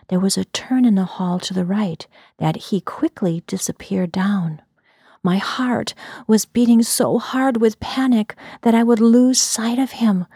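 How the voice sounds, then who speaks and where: A woman from the US Midwest telling a story in a soft, breathy whisper. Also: medium pitch, no echo, studio quality.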